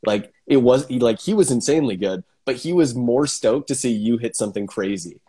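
Male host, mid-pitched, casual live interview, relaxed and upbeat. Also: fairly quick, husky. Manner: laid-back, filler-heavy, enthusiastic. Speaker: podcast host.

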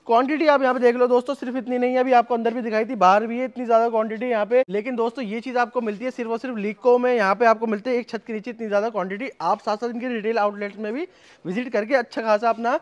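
A young man with a high, quick voice gives a hype-driven walkthrough of a large warehouse. He is filmed on a handheld phone camera and keeps calling out to his viewers. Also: fairly even intonation, dull audio. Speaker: vlogger touring a warehouse. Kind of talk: fast promotional walkthrough.

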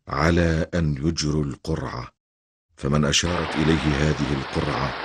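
An older man narrating a story as a grandfather, in a measured, solemn way. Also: a bass voice, breathy edge.

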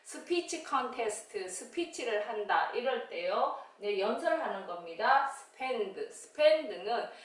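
A woman teaching children English phonics, sounding out letters slowly and cheerfully. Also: fairly high pitch, lively intonation, very echoey, recorded from a distance. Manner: slow, drawn-out sounding of letters, cheerful greetings.

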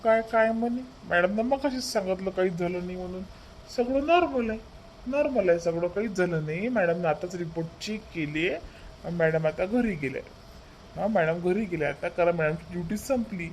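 A woman voicing a calm young adult son who reports news in a matter-of-fact, repetitive way. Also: fairly low pitch, normal speed, slight background noise, close to an everyday voice, low-quality recording. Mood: reassuring.

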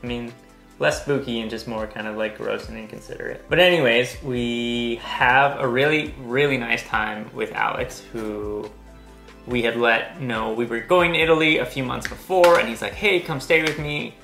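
A man's voice: mid-range voice, moderate pace, vocal fry, sharp tone, faint music behind. A man co-hosting a casual home video, telling a story in a chatty, detail-heavy way. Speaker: co-host. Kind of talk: casual chat. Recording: echoey room.

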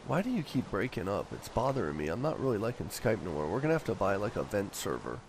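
A man, a father, chatting casually and upbeat on a voice call while leading his family through a video game, quick to joke. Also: lowish voice, sing-song, slight background noise. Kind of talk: casual gaming chat.

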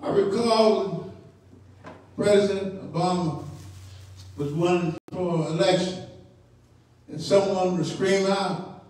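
A bishop's high, somewhat mellow voice carries through an echoey church hall, recorded from a distance during a midweek Bible study. Unhurried, he draws out each phrase and invites call-and-response from the congregation.

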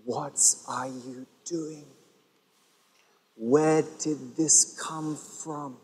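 A man in his thirties preaching a sermon to a large congregation, emphatic and full of rhetorical questions with drawn-out pauses. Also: on the high side, steady tone, darkish tone. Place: large church hall with congregation. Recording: long reverb of a big hall.

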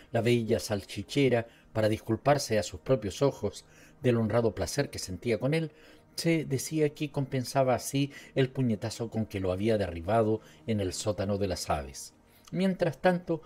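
A man with a Latin American Spanish accent narrating an audiobook in a measured, steady reading. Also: medium pitch. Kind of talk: scripted narration.

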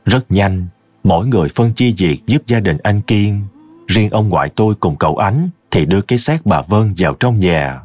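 Man, horror story narrator, slow ominous storytelling, animated pitch, dry close sound. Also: breathy edge, dry recording, soft background music.

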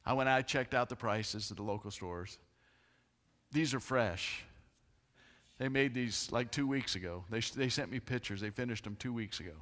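A man's voice: medium pitch, moderate pace. A middle-aged man giving church announcements in a chatty, laughing storytelling manner. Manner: chatty, animated storyteller who laughs often. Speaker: pastor. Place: church sanctuary. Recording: long hall reverb.

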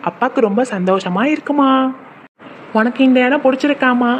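A man voicing a caring young father in a cartoon, who talks to his daughter in a gentle, coaxing way. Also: very high voice, brisk, dull audio, a little hiss or hum.

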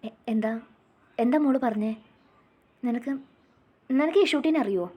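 A reserved young man, as a woman narrator puts him on, speaking low and hushed in a storybook romance. His voice stays restrained and gentle. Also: moderate pace, husky, dull audio. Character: young man, stern but softening, emotional.

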